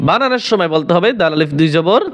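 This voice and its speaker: A man teaching Quran recitation to learners. He spells words out letter by letter in Bangladeshi Bengali, then chants them in a drawn-out recitation. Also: high-pitched, expressive.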